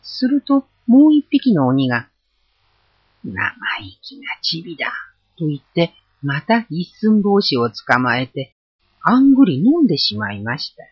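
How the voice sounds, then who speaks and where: With a husky, highly varied voice, a storyteller gives a lively reading of a folk tale at a moderate pace. There's no room sound, and the recording comes across as dull and lo-fi.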